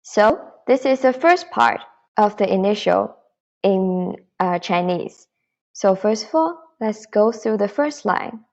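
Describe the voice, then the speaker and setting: A woman's voice: medium pitch, animated, slow pace, darkish tone, lo-fi sound. A woman teaching a beginner Mandarin lesson online, patiently modelling syllables and repeating them for learners to copy.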